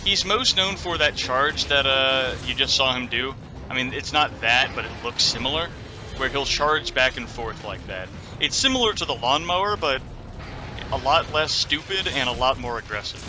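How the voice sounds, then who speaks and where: A man's voice: mid-range voice, normal speed, background noise. A man giving casual, opinionated commentary as he plays a video game, with some loose swearing. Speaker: gaming video host. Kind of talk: casual game commentary over live play.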